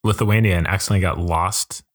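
Deep-voiced man, relaxed gaming podcast co-host who jokes and rambles. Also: fast talker. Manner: joking, rambling. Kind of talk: casual chat.

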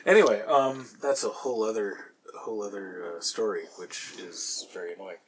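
A man's voice: on the low side, normal speed, poor audio. A man hosting a podcast who answers a listener's question in a casual, lecturing way, wandering into asides and stopping often for ums and repeated words. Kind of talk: casual explanatory talk.

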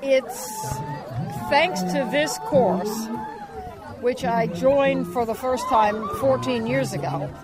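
A woman from the United States, a course participant, speaking slowly and deliberately. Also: high voice, lively intonation. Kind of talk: interview answer. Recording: outdoor crowd and loud music.

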